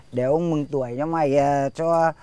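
An actor playing a grumpy, stingy old village chief who scolds and grunts, speaking. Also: male voice, on the high side, fairly even intonation, measured pace, warm tone, clear, resonant tone, natural voice. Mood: gruff. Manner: bossy, scolding, full of grunts. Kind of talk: slapstick comedy film acting.

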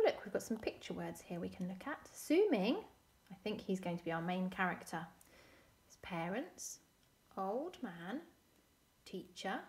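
A woman teacher with a mid-range voice reads a storybook aloud to children. She is expressive, often dropping to a whisper and asking them questions.

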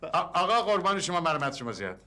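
A man's voice: fairly high pitch, very animated, bright, forceful tone. An actor playing a fussy, wry father in a sitcom, polite one moment and grumbling the next. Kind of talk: sitcom acting.

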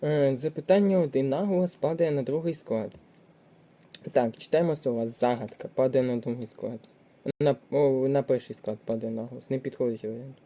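Tutor, exam prep walkthrough, very dark mellow tone, methodical, hesitant fillers. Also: medium pitch. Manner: methodical, reads each option aloud and checks it; frequent hesitation sounds. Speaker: language tutor.

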